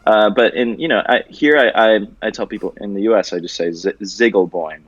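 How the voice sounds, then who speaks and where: A low-voiced young man from Venezuela chats loosely as a guest artist, joking and swearing now and then. The audio is dull and dry, with no room around it. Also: brisk, no room sound. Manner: laid-back, loose and joking, with casual swearing. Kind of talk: casual interview chat.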